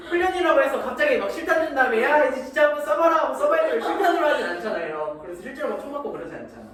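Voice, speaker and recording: Lively, high-voiced male math teacher, jokey and slangy, heard from far off in a roomy classroom. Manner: animated, joking, acts out little scenes; slangy, keeps checking understanding. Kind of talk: classroom lecture. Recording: echoey room from far off, noisy.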